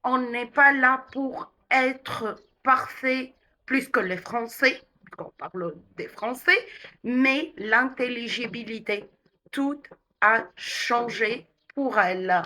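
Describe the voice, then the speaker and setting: Slow, bright-voiced Tunisian woman teaching. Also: fairly high pitch. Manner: slow, deliberate articulation, exaggerated vowels in drills. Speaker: French pronunciation teacher. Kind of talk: online pronunciation lesson.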